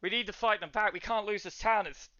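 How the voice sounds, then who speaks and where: A man's voice: high-pitched, steady tone, pushed and bright, no echo, muffled recording, pitched above the performer's own voice. A man doing a frightened town guard. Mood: desperate, urgent. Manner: urgent, pleading, halting restarts.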